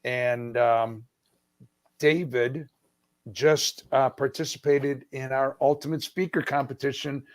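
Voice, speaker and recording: A man's voice: mid-range voice, fairly even intonation, takes it slowly, dry recording. Guy hosting a podcast, friendly, lots of restarts, pretty dry sound. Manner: friendly, hesitant, restarts often. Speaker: podcast host. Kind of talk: casual interview hosting. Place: remote video call.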